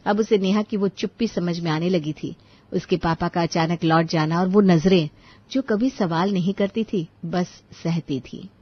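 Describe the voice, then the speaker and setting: A woman narrating a scripted family story in a steady, expressive storytelling voice. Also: fairly low pitch, a little slow, highs cut off.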